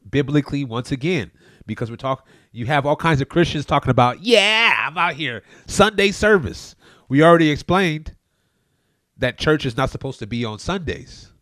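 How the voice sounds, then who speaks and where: A man's voice: mid-range voice, no echo, studio quality. A man co-hosting a casual podcast chat, preaching his views emphatically and telling listeners to look things up. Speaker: podcast co-host.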